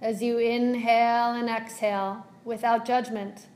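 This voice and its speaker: A yoga teacher guides a meditation in a gentle, soothing voice, using measured phrases broken by long pauses. Her pitch sits on the high side and her tone stays level.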